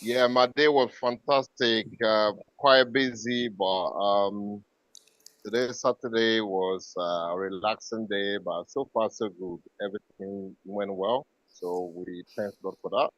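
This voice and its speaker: A man's voice: lowish voice, unhurried, a bit bright, no room sound, dull audio. A man in his forties from West Africa, a financial consultant being interviewed, speaking with many fillers and easy laughter over a video call. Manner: hesitant, filler-heavy, laughs easily. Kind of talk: remote interview.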